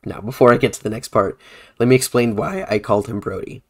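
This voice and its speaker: A podcast host reads his own horror story aloud in a casual way, often correcting himself. His voice is lowish and steady in tone, and he speaks quickly.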